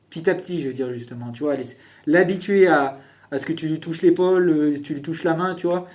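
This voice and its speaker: A man's voice: fairly high pitch, darkish tone. A young man casually telling a personal story in a chatty, meandering way.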